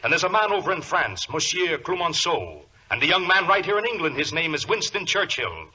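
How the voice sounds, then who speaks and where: An actor playing a suave, villainous professor, politely gloating and deliberate, in 1940s radio drama style. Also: male voice, mid-range voice, bright, forceful tone, exaggerated voice. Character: suave villainous professor, scheming and menacingly courteous. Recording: muffled, hissy vintage radio recording.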